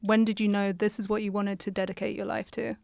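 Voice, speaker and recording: A woman's voice: mid-range voice, level tone, quick pace, creaky, a little mellow, no echo, clean studio sound. A woman hosting an interview, asking friendly, encouraging questions. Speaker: interviewer host. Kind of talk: conversational interview.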